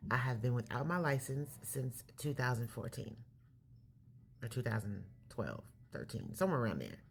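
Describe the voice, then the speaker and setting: A woman in her late forties from California, candidly telling her life story in a casual vlog, pausing and correcting herself as she goes. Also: a bass voice. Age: 40s. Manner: reflective, candid, self-correcting. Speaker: vlogger.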